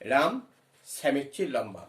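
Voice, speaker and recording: A man's voice: medium pitch, big pitch swings, reverberant. A man teaching an English grammar lesson, explaining step by step, asking questions and spelling words letter by letter. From West Bengal. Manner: reads English phrases slowly.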